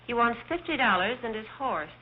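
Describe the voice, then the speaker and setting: An actress as a quick deadpan screwball-comedy maid. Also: female voice, a little high, natural voice. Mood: wry. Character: matter-of-fact, wry household maid. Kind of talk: 1930s film comedy acting. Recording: dull, noisy old film soundtrack.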